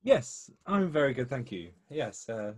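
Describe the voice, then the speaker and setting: A man's voice: medium pitch, sing-song, unhurried, breathy edge, dry recording. A man co-hosting a podcast, chatting casually and hesitantly with many fillers over a remote call. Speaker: podcast co-host. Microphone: remote call mic.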